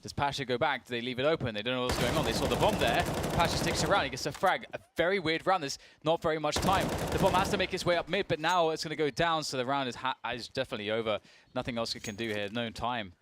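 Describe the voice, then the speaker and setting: A man's voice: medium pitch, fast talker, hardly any pauses, heavy background noise. A man working as an esports caster, calling live game action in short reactive bursts. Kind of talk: live esports play-by-play commentary with casual banter. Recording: loud game gunfire and clicks behind. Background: video game gunfire.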